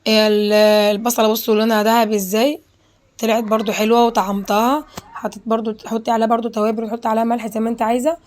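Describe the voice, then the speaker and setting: A woman's voice: fairly high pitch, level tone, racing, darkish tone. A woman with an Egyptian Arabic accent hosting a home cooking tutorial, chatty and repeating herself as she talks straight to viewers. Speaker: cooking channel host.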